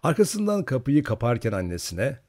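A man narrating an audiobook in an expressive storytelling manner. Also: medium pitch, normal speed.

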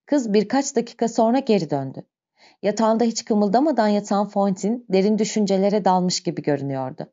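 Mellow-voiced woman narrating an audiobook. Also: mid-range voice, lively intonation. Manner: slow, measured storytelling. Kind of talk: audiobook reading of a novel. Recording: dull lo-fi recording.

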